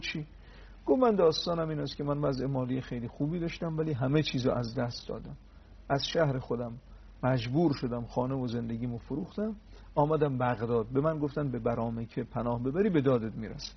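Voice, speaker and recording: A man's voice: mid-range voice, gravelly, husky, highs cut off. A man giving a religious talk on a TV program. He tells old stories, acts out the dialogue, and adds pious honorifics along the way.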